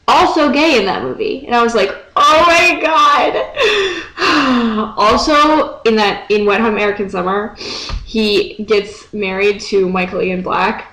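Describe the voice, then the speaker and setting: A teenage girl rambling sarcastically in a casual vlog, swearing freely, into a webcam mic. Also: mid-range voice. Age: teens. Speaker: vlogger. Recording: echoey room.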